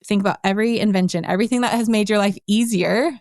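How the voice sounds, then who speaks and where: A woman's voice: medium pitch, fast, darkish tone, no room sound. Laughing, chatty woman host, dry sound. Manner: chatty, laughs often, many restarts and fillers. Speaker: podcast host. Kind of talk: casual interview chat.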